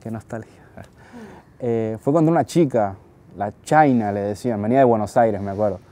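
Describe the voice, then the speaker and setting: A man's voice: on the low side, moderate pace, dark tone. A man in his twenties from Tucumán with an Argentine accent, talking casually and hesitantly in an interview, often repeating words. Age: 20s. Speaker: freestyle rapper interviewed.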